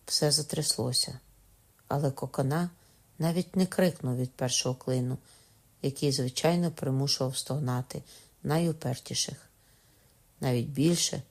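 A woman with a notably low voice reads a classic novel aloud. Her delivery is steady and measured, an even storytelling pace. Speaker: audiobook narrator. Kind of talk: scripted narration.

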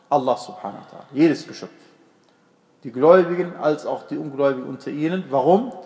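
Patient male Quran teacher, reverberant. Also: fairly high pitch. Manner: explains patiently, many fillers and restarts, asks "okay?". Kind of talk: tafsir lesson, explaining verses.

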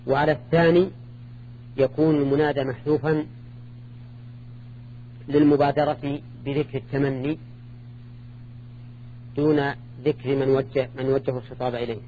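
A man teaching a classroom grammar lesson at a mid pitch, working through each point step by step and stopping to ask his students short questions. The recording is dull and lo-fi, with a faint hum behind him.

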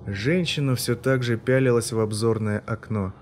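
Male narrator for sci-fi audiobook; steady, even read, medium pitch. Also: moderate pace, soft background music. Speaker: audiobook reader. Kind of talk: scripted narration.

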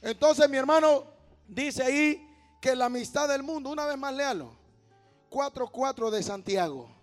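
A man preaching a fiery sermon in a church, shouting and scolding his congregation. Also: very high-pitched, expressive, moderate pace, faint music behind. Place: church sanctuary.

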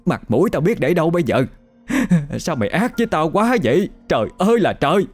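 A man's voice: fairly high pitch, very animated, fairly quick, soft background music, voice pushed up. A man with a Southern Vietnamese accent voicing a frantic, middle-aged village wife who wails and shrieks. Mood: wailing. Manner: wailing, shrieking.

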